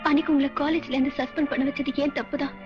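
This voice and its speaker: A woman's voice: high-pitched, steady tone, racing, highs cut off, over music, natural voice. An actress playing a hurt, lonely young woman student in a 1990s film drama, pleading to be spoken to. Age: young adult. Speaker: college student.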